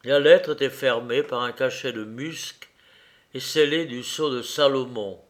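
A man narrating a storybook tale in a measured, deliberate reading. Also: medium pitch.

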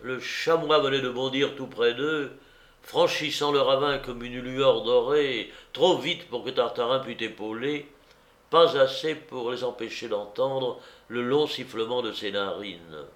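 A man narrating a story aloud in a measured, expressive way. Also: mid-range voice. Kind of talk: audiobook narration. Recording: roomy echo.

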